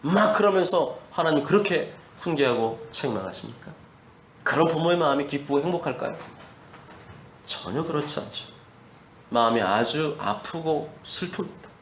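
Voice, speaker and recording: A male pastor preaching a Sunday sermon, building his points through emphatic repetition. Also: high-pitched. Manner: preaching with emphatic repetition, acting out quoted parents. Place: church sanctuary. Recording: echoey church hall, faint ambience.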